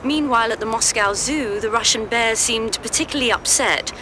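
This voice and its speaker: Reading formal news bulletins as an anchor in a game cutscene, this woman has a slightly high, brisk voice that's lightly acted. Her delivery is crisp and newsroom-formal, with background noise in the recording.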